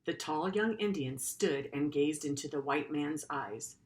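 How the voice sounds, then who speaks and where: Reading a story aloud to pupils, a middle-aged woman teacher speaks earnestly in a low, unhurried voice, pausing for simple, informal explanatory asides.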